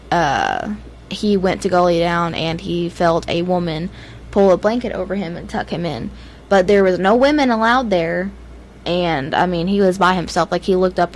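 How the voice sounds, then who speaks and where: A young woman co-hosting a podcast tells ghost stories in a casual, rambling chat, giggly and heavy with fillers. Her voice is on the low side, and there's a little hiss or hum in the recording.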